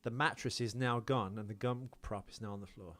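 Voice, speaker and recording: With a fairly low, somewhat bright voice, this podcast co-host moves at a brisk pace and keeps his intonation fairly even. He chats casually about a film, explaining points while reading out its continuity slips.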